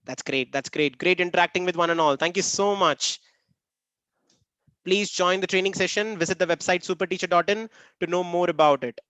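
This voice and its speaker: Male webinar trainer, Tamil Indian English accent, high register, informal and chatty with repeated thanks, dry sound. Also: fairly even intonation, fairly quick, pushed and bright, no room sound. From Namakkal, Tamil Nadu, India. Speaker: workshop trainer and host. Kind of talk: informal online webinar sign-off, thanking participants by name. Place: online video meeting.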